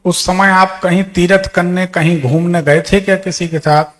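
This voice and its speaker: A man's voice: high-pitched, steady tone, normal speed, fairly bright tone. A man giving an astrology consultation, questioning a client and stating predictions with authority.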